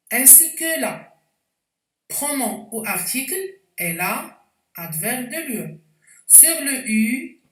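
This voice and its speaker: A woman's voice: on the high side, fairly bright tone, roomy sound, distant mic, low-quality recording. A woman teacher giving a spelling lesson, explaining step by step with frequent hesitations. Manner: slow, deliberate explanations with hesitations.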